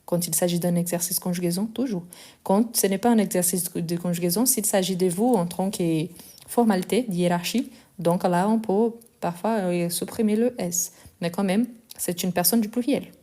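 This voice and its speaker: Woman French teacher with a Lyon accent, live-stream grammar lesson, mellow and warm, deliberate and explanatory. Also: lowish voice. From France and Brazil. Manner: explanatory, repeats forms slowly, gets indignant answering critics.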